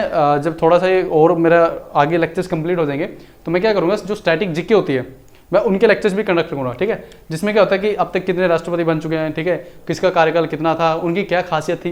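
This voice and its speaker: A male teacher lecturing in a chatty, explanatory way, slipping terms into his talk. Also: a little high. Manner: chatty, explanatory, mixes Hindi with English terms. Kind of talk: recorded exam-prep lecture.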